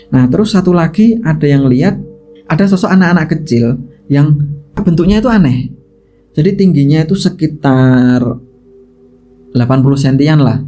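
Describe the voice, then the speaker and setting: A man's voice: medium pitch, dark tone. A man telling a spooky story in a chatty, conversational way, as if talking with friends. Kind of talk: casual spoken horror storytelling.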